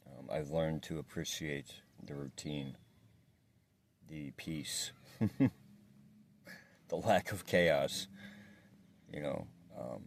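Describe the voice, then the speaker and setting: A man speaking without his teeth, slightly slurred, in a reflective, halting, rambling confessional monologue as a vlogger in addiction recovery. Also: a little hiss or hum. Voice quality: toothless, slightly slurred speech from not wearing his teeth; very deep, gravelly, husky. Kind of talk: casual confessional monologue to camera.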